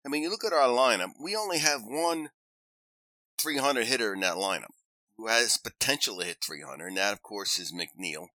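A man's voice: mid-range voice, expressive, moderate pace, pushed and bright, dry recording. A man chatting casually as a sports podcast co-host, with a stuffed-up nasal voice as if his nose were broken, getting over an illness.

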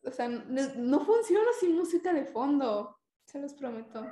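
Female podcast co-host, casual and self-mocking, giggly delivery, high voice, roomy echoing sound. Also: lively intonation, moderate pace, mellow. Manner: giggly, self-deprecating, playful. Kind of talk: casual chat between podcast co-hosts.

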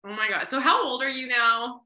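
A woman's voice: fairly high pitch, normal speed, pushed and bright. A woman in her thirties hosting a podcast, chatting reflectively and often saying "like". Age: 30s. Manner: reflective, chatty, heavy use of "like". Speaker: podcast host. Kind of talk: casual conversational interview.

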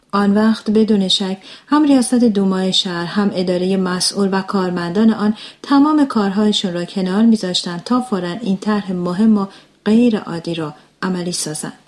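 A woman narrating a story aloud in calm audiobook style. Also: mid-range voice.

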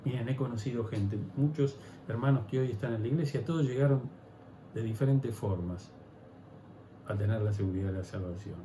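A man with a Rioplatense Spanish accent preaching a sermon as pastor, swinging from hushed pleading to loud emphatic preaching. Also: medium pitch, brisk, roomy sound, a little hiss or hum.

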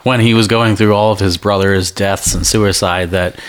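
A man's voice: fairly low pitch, steady tone, normal speed, clean tone. A man co-hosting a casual movie podcast, giving opinions and explaining at length. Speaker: podcast co-host. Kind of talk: casual movie review chat.

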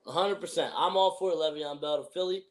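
A man's voice: on the high side, brisk. A young man hosting a sports podcast, giving opinions in emphatic, casual frat-bro slang.

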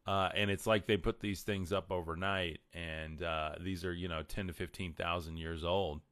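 A man's voice: low voice, fairly even intonation, moderate pace, fairly bright tone, smooth, no room sound. A man with a twangy West Texas accent, talking casually as a livestream host and answering viewers.

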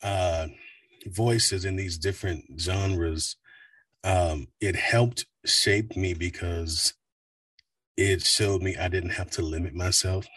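A man in his forties from the United States, a voice actor and coach with a deep baritone, talking animatedly in an interview. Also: breathy edge, no echo, distant mic. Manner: animated, slips into quick voice demos. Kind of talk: casual interview talk.

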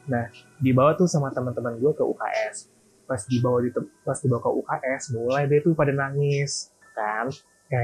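A man from Sumatra telling a story in a casual chat, animated and slangy. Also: on the high side, breathy edge, low-quality recording.

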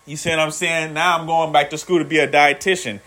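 A man's voice: fairly high pitch, level tone, a little fast, sharp tone. Profane rambling man vlogging. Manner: profane, rambling, keeps saying "guys". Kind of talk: casual motivational monologue.

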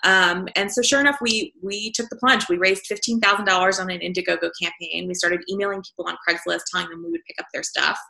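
A woman from the American South tells her story as an interview guest, chatty and loose with her fillers. Her low-set voice carries a gravelly, vocal-fry texture but sounds bright and forward. The room around her is echoey. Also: steady tone, fast, few pauses. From Southern United States. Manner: conversational, frequent fillers. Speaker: entrepreneur guest.

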